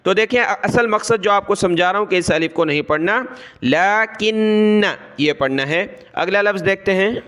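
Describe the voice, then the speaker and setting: A man teaching Quran recitation rules, spelling out letters one by one and chanting the words in long drawn-out tones. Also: sits high, bright, forceful tone. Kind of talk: tajweed lesson.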